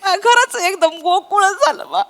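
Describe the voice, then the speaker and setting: A woman's voice: extremely high pitch, brisk, fairly bright tone. An actress playing an emotional elderly mother overjoyed to have her children home, in a stage comedy sketch. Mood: moved. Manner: weepy, overjoyed.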